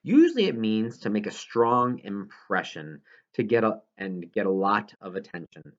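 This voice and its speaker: An audiobook reader with a lowish, sing-song voice reads a children's novel aloud as scripted narration at normal speed, occasionally stumbling over a word. The highs are cut off in the recording.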